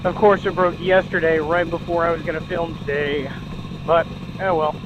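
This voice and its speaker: A man's voice: fairly high pitch, flat delivery, normal speed. A young man in a helmet chatting casually and joking as he rides a motorcycle in the rain. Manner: chatty, joking running commentary. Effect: muffled voice from inside a helmet. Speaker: motorcycle vlogger. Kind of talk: casual chat while riding. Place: outdoors, riding a motorcycle in the rain. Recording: loud engine and road noise.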